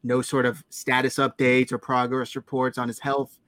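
A man's voice: medium pitch, monotone, normal speed, fairly bright tone, dry recording. A man co-hosting a sports podcast, talking about the team with enthusiasm and some dry sarcasm. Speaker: podcast co-host. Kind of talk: casual sports chat.

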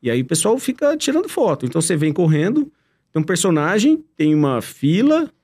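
A man's voice: sits high, very animated, a little fast, a little mellow, breathy edge. A man, telling his marathon story in casual chat, with enthusiasm.

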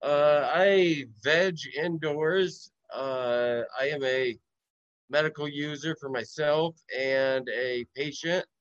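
A man from Michigan, a guest grower, speaking slowly with lots of fillers over a choppy internet connection that keeps breaking up. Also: a little high, clean tone, no room sound. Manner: slow, halting, many fillers. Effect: choppy bad internet connection. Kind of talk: casual interview over a call. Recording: dull, dry lo-fi call audio.

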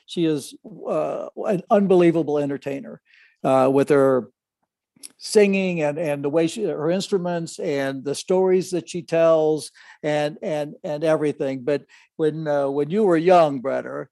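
An older man, a father co-hosting a podcast, talking in a halting way with many restarts. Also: fairly high pitch, creaky, warm tone, dry recording, clean studio sound. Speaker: podcast co-host, the other host's father. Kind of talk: casual chat.

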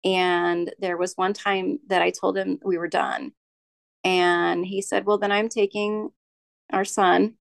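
A middle-aged woman speaks as a podcast guest, telling a personal story with a gravelly edge in her voice. She talks haltingly, restarting sentences and pausing on filler sounds. The sound is close and dry, with no room behind it. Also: mid-range voice, flat delivery, dry recording. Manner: halting, with frequent restarts and ums. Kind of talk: candid interview storytelling.

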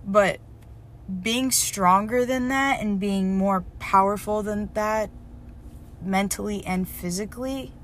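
A woman's voice: medium pitch, takes it slowly, fairly bright tone. Young woman, candid diary vlog, rambling, filler-heavy, reflective, faint background noise. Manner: rambling, candid, lots of fillers and self-corrections; reflective, emotional. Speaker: vlogger.

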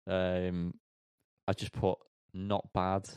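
Deep, darkish and monotone, this man talks very slowly in a clean recording without room sound. Co-hosting a music podcast in casual chat, he jokes, laughs and gets tongue-tied on band names.

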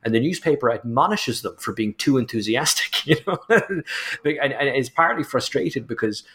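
A man's voice: medium pitch, lively intonation, normal speed, fairly bright tone. A man, the author guest, explaining and telling anecdotes in a chatty way, peppered with "you know". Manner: chatty, storytelling, frequent "you know" and laughter. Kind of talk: conversational explanation in an interview.

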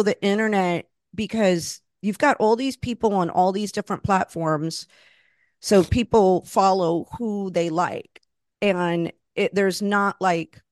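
A woman's voice: medium pitch, darkish tone, dry recording. Chatty middle-aged woman, dry close sound. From Florida. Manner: chatty, reminiscing, encouraging. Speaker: podcast host. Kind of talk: casual interview chat.

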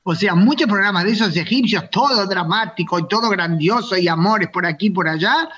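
A man's voice: high voice, fairly quick, bright, forceful tone, husky. A man hosting a radio interview, chatting and asking long, framing questions. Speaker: radio host.

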